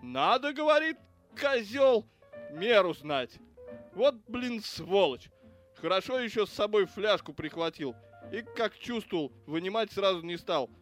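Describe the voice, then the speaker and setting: A man's voice: sits high, lively intonation, a little slow, fairly bright tone, faint music behind. A man reading the part of a foul-mouthed, grudging police officer who rants and curses about his stingy in-laws. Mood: ranting. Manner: crude, ranting, cursing. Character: foul-mouthed grudging adult male cop. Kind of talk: audiobook character reading.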